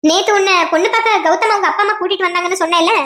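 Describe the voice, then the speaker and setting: A woman doing a bossy gossipy young friend, very high voice. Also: very fast, sharp tone, reverberant. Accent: Kanyakumari Tamil.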